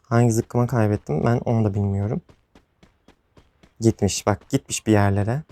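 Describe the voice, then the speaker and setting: A man's voice: on the low side, moderate pace, mellow, no echo. A young man giving casual commentary over his own gameplay, often exasperated and venting to viewers. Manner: frustrated, exasperated outbursts, rambling to viewers. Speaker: gaming YouTuber.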